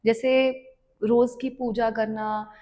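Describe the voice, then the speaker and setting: Young woman on a podcast, kinda high voice, mixes english into her hindi, calm storytelling. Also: highs cut off. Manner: reflective, unhurried storytelling. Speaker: podcast guest, devotional content creator. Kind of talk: casual interview chat.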